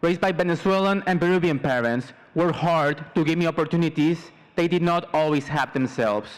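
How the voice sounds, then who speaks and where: A student salutatorian from Mexico, a young man in his twenties with a fairly high voice, delivers a formal, prepared commencement speech in measured, short phrases.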